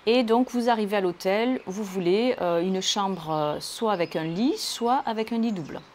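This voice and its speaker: A woman's voice: mid-range voice, normal speed, a little mellow, slight background noise. A woman teaching English, explaining words and pronunciation carefully, one point at a time. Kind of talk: language lesson explanation.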